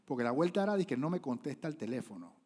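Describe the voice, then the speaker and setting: A male pastor preaching a sermon, animated, with sudden loud rises and acted-out quotes. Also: medium pitch, fast talker.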